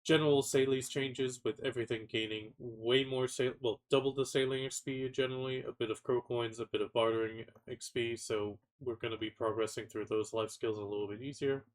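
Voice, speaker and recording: A man's voice: medium pitch, fairly even intonation, fairly quick, hardly any pauses. A man with a stuffy, nasal voice from a cold, casually running through game patch notes and stumbling over words now and then. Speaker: gaming content creator.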